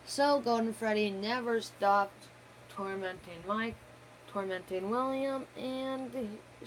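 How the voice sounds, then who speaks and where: A woman's voice: medium pitch, a little hiss or hum, low-quality recording. A woman hosting a gaming channel, giving an unscripted live-stream game theory talk, rambling with many fillers and self-corrections.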